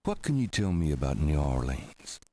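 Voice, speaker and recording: An actor playing a cool, inquisitive adventure game hero with a casual drawl. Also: male voice, a bass voice, sing-song, moderate pace, mellow, no echo, full character voice. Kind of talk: video game voice acting.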